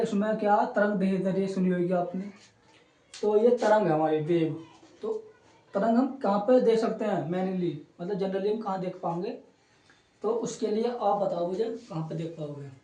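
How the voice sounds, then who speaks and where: A man's voice: high voice, normal speed, warm tone, far from the mic. A young man teaching a polytechnic physics class in a chatty coaching style, often stopping to check in with his students. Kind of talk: online coaching lecture. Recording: roomy echo, voice away from the mic.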